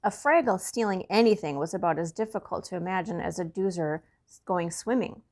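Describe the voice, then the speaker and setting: A woman reading a children's storybook aloud to young listeners, chatty and expressive. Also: lowish voice, brisk.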